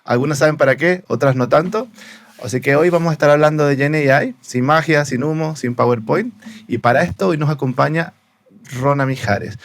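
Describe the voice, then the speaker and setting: A man's voice: a little high, fairly quick, no echo. A man hosting a podcast, introducing the episode and his guest in a conversational way with hesitant fillers. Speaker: podcast host.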